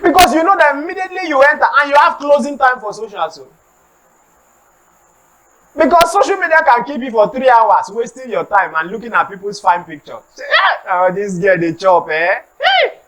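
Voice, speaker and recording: A Nigerian preacher with a high-sitting voice speaks a little fast in a motivational, sermon-style talk on time management. He mixes Nigerian English with Pidgin, animatedly acts out comic street scenes and has the congregation repeat lines. The recording is rough.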